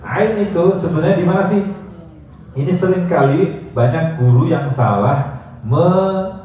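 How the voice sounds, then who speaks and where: A man teaching a tajwid lesson, chanting verses slowly and explaining with light jokes, recorded in a mosque hall. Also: a little high, lively intonation, mellow. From Indonesia. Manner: slow drawn-out chanting of verses between quick joking explanations. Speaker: Quran recitation teacher. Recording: echoey hall, distant, phone-like sound.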